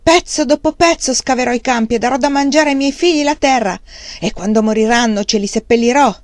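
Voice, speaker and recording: A woman voicing a desperate, starving male peasant farmer who shouts his defiance. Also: fairly high pitch, a little fast, no room sound, voice pushed up, lightly acted. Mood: furious.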